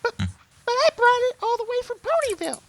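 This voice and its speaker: A woman voicing a bubbly, hyper young pony girl, squealing and excited, in an amateur comic read-through. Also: very high-pitched, quick pace, a little hiss or hum, exaggerated voice. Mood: eager.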